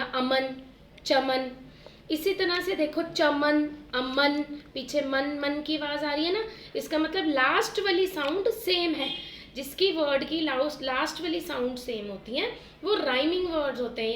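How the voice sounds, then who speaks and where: A woman teacher giving a phonics lesson to young children, sounding out rhyming words slowly and repeating them in drills. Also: high voice, a bit bright, echoey room, slight background noise. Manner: slow, drawn-out word drills addressed to children as "beta". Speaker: primary school teacher.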